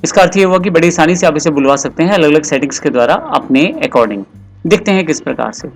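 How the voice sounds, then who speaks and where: Male computer tutor, slightly high voice. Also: fast, soft background music. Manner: patient, step-by-step explaining. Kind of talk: software tutorial voice-over.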